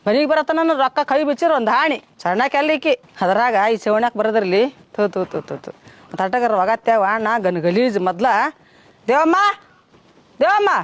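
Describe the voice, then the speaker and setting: A woman's voice: high voice, no room sound, lightly acted. A woman playing a nagging middle-aged savings collector who grumbles and scolds. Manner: grumbling, scolding, spits in disgust. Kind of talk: village short-film acting.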